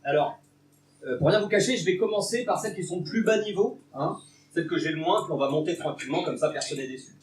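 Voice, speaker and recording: A man's voice: fairly high pitch, fast talker. A young man from Bordeaux doing his first live stand-up set, nervous, rambling and self-mocking. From Bordeaux, France. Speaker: stand-up comedian. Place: live comedy venue with audience. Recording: echoey venue from far mic, noisy.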